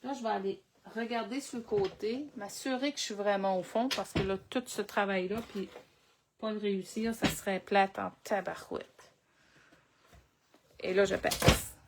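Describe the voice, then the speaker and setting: A woman's voice: mid-range voice, steady tone, moderate pace, very noisy. A woman with a Québécois French accent leading a live crafting tutorial, chatting and thinking aloud as she works. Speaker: crafting instructor.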